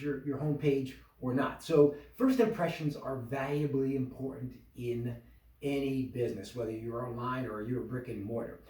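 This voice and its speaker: A man giving an instructional talk to a small business group, animated and full of questions, acting out tones of voice. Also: mid-range voice, distant mic. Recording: echoey room, voice from off the mic.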